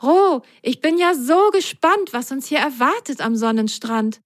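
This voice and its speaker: A woman's voice: high voice, unhurried, no echo, clean studio sound, pitched above the performer's own voice. A woman doing a cheerful little sock. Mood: excited cheerful. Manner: polite, excited, warm-hearted.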